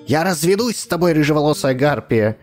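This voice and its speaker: A man voicing a hot-tempered male painter who shouts and rants in exasperation. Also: mid-range voice, normal speed, soft background music, natural voice. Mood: indignant ranting.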